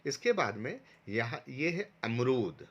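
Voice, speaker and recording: A man's voice: mid-range voice, very animated, takes it slowly, breathy edge, highs cut off. A man teaching a recorded online lesson to first graders, patiently going step by step and sounding out syllables for pupils to repeat. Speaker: primary school teacher.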